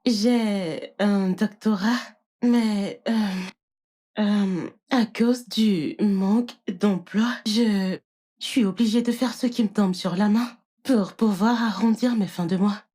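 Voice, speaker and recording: A woman dubbing a polite, eager young woman applying to be a nanny in a French-language film, soft and gentle with the baby. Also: mid-range voice, steady tone. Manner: polite and eager, soft and slow when soothing. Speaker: job applicant for nanny.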